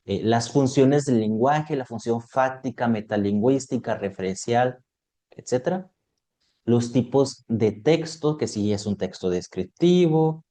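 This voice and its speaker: A man's voice: medium pitch, measured pace, mellow. A man teaching an online exam prep lesson, explaining topics step by step and checking in with his students.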